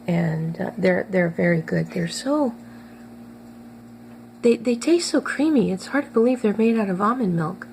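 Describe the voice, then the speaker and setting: A woman hosts a casual home-kitchen vlog, her voice sitting in an ordinary middle pitch. She talks in a chatty, halting way full of small fillers. A faint hum runs under the recording. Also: expressive, creaky, a little mellow. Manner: chatty, hesitant with many fillers, tastes food while talking. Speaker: cooking vlogger.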